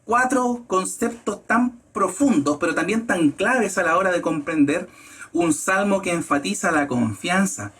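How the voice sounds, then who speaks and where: Husky pastor, high-pitched man. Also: lively intonation, a bit bright. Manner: measured teaching, stressing key words with rising pitch. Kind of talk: sermon.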